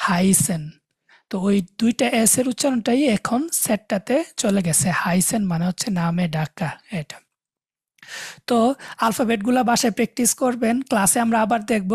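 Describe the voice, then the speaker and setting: A woman teaching German in an online demo class, slowly spelling out each letter one at a time. Her voice has a slightly husky edge, and it sounds close and dry, as if she is speaking over a video call. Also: medium pitch, darkish tone, dry recording.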